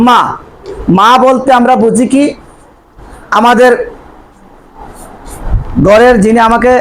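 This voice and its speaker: A man's voice: very high-pitched, poor audio. A man teaching a language class, asking the students questions and answering them himself, repeating key terms. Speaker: English teacher. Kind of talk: classroom lecture.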